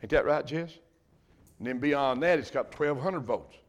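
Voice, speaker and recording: An older man preaching a sermon, folksy and emphatic, swinging from loud bursts to hushed asides. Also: mid-range voice, normal speed. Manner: folksy, repeats and restarts phrases. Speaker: pastor.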